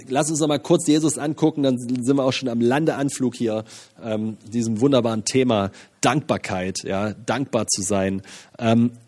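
Husky-voiced guy preaching, animated, keeps saying ja and repeating stuff. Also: mid-range voice. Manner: energetic, many interjections and repeated phrases. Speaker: pastor. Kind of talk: sermon.

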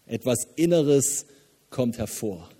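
A man preaching a sermon as a pastor, emphatic and lively, with casual asides. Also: mid-range voice, takes it slowly, husky, in a large hall. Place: church hall.

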